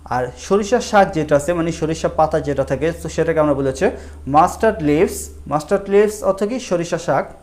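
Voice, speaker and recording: A man teaching a vocabulary lesson, asking and answering his own questions in a slow, repetitive drill. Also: a little high, darkish tone.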